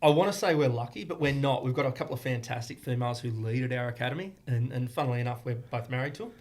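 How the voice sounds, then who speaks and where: A man's voice: mid-range voice, rapid-fire, darkish tone. Earnest man explaining at length. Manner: earnest, talks in long flowing explanations. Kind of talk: casual podcast interview.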